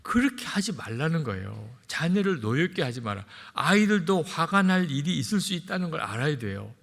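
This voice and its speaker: A middle-aged male pastor preaching a sermon in a lively way, acting out the voices of parents he quotes. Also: a little high, a little fast, creaky. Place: large church sanctuary. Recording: long hall reverb.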